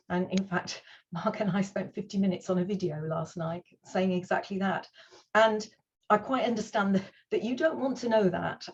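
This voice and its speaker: A woman's voice: medium pitch, dull audio. A woman hosting an online conference over a video call, speaking in an earnest, reassuring way as she opens the day and introduces the first speaker. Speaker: conference host.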